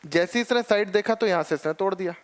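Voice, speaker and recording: A man's voice: high voice, quick pace. A man teaching biology in an exam-prep lecture, explaining step by step and checking often that students follow. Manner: calls students "children" and "beta ji".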